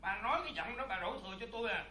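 A woman's voice: medium pitch, very fast, pushed and bright, natural voice. A woman playing an exasperated husband and father of many children who bickers with his wife in a comedy sketch. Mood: scolding. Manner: exasperated, sighing "trời ơi" complaints. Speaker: comic actor. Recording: echoey room with noise.

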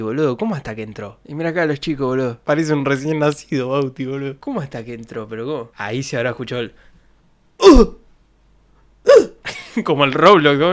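A young man with an Argentine accent reacting to a reality show on stream, excitable and crude, often mimicking voices with sudden squeals. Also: medium pitch. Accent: Argentine Spanish. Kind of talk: casual reaction commentary.

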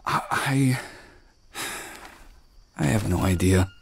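A man's voice: fairly low pitch, takes it slowly, creaky, slightly rough, no echo, full character voice. An actor voicing a confused man stranded in the jungle in a video game, talking urgently with someone over a radio. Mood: unsure. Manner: shaken, urgent, searching.

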